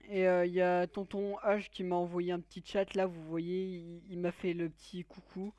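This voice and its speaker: A man's voice: high-pitched, flat delivery, moderate pace, darkish tone, clean tone, no echo. A man giving let's play commentary, joking crudely and teasing his viewers. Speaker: gaming YouTuber.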